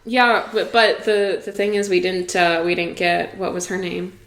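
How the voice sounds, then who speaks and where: A woman's voice: on the low side, fairly even intonation, moderate pace, crowd noise. A young woman hosting a podcast, chatting casually and giggling, with lots of filler words. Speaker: podcast host. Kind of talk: casual chat. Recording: echoey room.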